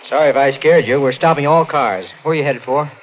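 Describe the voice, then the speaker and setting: A man's voice: medium pitch, fast talker, natural voice. A man playing a curt, suspicious state trooper questioning a driver in 1940s radio drama style. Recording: dull old radio recording.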